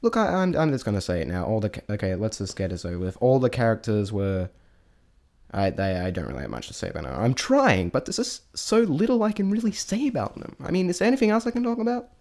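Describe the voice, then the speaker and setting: Talking fast in an animated, mid-range and slightly mellow voice, a man improvises a review of his opinions as an amateur. He meanders and hesitates, stammering often and dropping thoughts mid-sentence.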